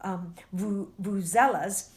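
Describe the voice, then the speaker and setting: A woman's voice: mid-range voice, slow pace, lightly acted. A woman reading aloud as a stern female school principal who speaks firmly and insistently. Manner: insistent, firm.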